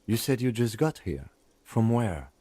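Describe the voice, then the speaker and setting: An actor playing a composed, reserved police detective in a video game, speaking in a calm, clipped way. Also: male voice, medium pitch, measured pace, husky, no room sound. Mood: measured.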